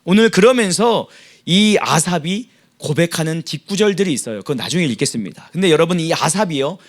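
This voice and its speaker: Male pastor, emphatic sermon delivery, high and lively pitch, calls the room to read along. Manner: emphatic, leads the congregation in reading aloud. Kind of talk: sermon at a prayer meeting.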